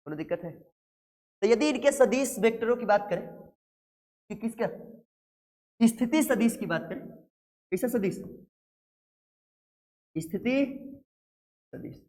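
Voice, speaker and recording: A man teaches physics in a high, lifted voice. He keeps the class on its toes, asking the same question again and again and then answering it himself. The sound trails off in a long hall reverb. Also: lively intonation, slow pace, long pauses, darkish tone. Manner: quizzes the class constantly, repeating questions and answering them himself. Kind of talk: classroom lecture.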